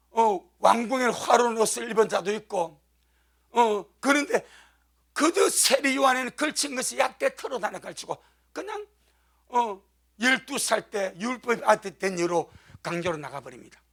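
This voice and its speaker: Male pastor, fervent emphatic preacher with a high, bright, gravelly voice. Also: expressive, normal speed. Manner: fervent, emphatic preaching with frequent amen calls. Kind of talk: sermon.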